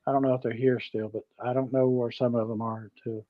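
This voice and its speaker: Greeting viewers and repeating himself, a middle-aged or older Southern US man from Georgia co-hosts a livestream with easygoing, folksy chatter. His mid-range voice stays level and moves a little fast. The recording is close, dull, and dry, with no echo.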